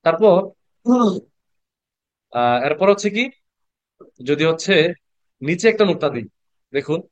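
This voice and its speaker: A man teaching Quran reading in an online class, patiently repeating letter sounds slowly and asking the class questions. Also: on the high side, lively intonation, no room sound, lo-fi sound. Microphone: computer mic on a video call.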